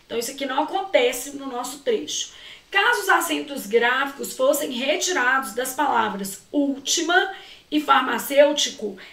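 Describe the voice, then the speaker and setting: High-voiced Brazilian woman teaching in an echoey room. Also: gravelly, a bit bright, recorded from a distance. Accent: Brazilian Portuguese. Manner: talks to students directly, often asks them questions and answers herself; stretches out key words and syllables while explaining. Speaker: Portuguese teacher. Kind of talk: exam-prep lesson walking through questions.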